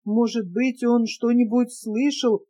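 A woman's voice: a little high, steady tone, takes it slowly, mellow. A woman reading the lines of a heartbroken young woman, pleading and tearful in her questions. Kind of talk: audiobook character reading.

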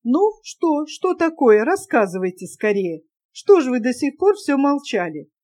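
A woman voicing an excitable, affectionate young woman in love, eager and emotional, in an audiobook reading. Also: high voice, a little slow, exaggerated voice. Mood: impatient.

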